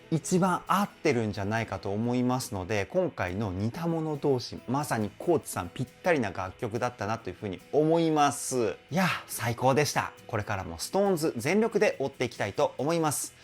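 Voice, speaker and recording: A man's voice: medium pitch, sing-song, fairly quick, hardly any pauses, soft background music. A young man, a vocal coach, chatting enthusiastically while reacting to and analysing a song, laughing often.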